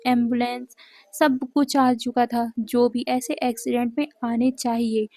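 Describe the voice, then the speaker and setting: A woman's voice: fairly high pitch, a little mellow, no room sound. A woman casually telling a romance fan story aloud as its narrator.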